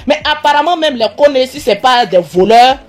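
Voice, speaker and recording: A woman's voice: sits high, expressive, moderate pace. A woman beauty vlogger talking casually on a live stream, self-assured and boastful.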